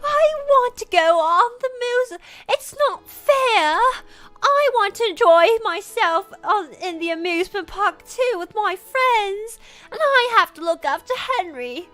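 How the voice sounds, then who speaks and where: A woman's voice: animated, a little slow, soft background music, heavily acted. A woman voicing a young girl mouse ballerina, pleading and complaining in a put-on British accent. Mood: whiny. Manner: shrill, pleading, near-shouting complaint.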